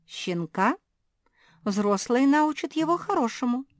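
A woman voicing a calm, motherly adult female dog in an audiobook, giving measured advice. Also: sits high, no room sound, clean studio sound, pitched above the performer's own voice. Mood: instructive.

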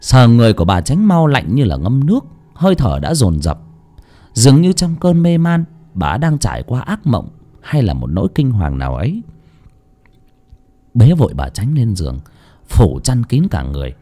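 A man's voice: medium pitch, wildly swooping pitch, moderate pace, mellow. A man narrating a horror story in a dramatic storytelling voice. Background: faint background music.

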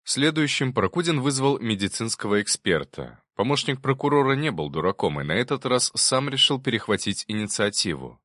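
Man narrating a story, lively pitch. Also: brisk, hardly any pauses, dry recording, clean studio sound. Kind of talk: first-person audiobook narration.

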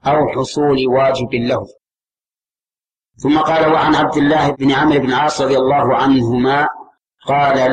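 Male scholar, steady lecturing voice, repeats key terms, faint hiss behind. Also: mid-range voice, low-quality recording. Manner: measured, repeats key terms, asks the class questions. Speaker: Islamic scholar teaching a class. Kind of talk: religious lesson commentary.

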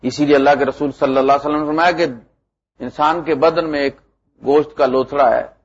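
A middle-aged man preaching a sermon, animated, with loud emphatic lines that drop to low asides. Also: breathy edge. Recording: muffled lo-fi lecture recording.

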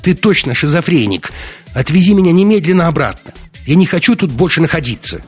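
A man reading an audiobook, voicing a frightened, furious young woman held captive, with shrill shouting outbursts. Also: very animated, measured pace, vocal fry, slightly rough, soft background music, heavily acted. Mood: hysterical.

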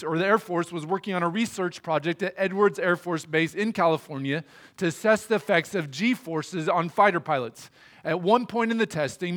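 Man, pastor, sermon in a church, earnest, steady, higher-pitched. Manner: earnest, steady preaching with a prayer. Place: church sanctuary.

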